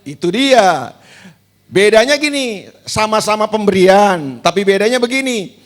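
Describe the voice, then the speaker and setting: A man's voice: high-pitched, animated, unhurried. A male pastor preaching a sermon. He asks the congregation questions, answers them himself and repeats key words for emphasis.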